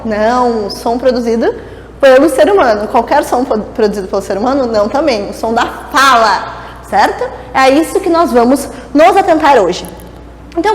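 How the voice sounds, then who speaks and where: A woman teacher giving a classroom lesson, playful and chatty, asking herself rhetorical questions as she explains at a board. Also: sits high. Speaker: Portuguese teacher. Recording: echoey room with long reverb and faint noise.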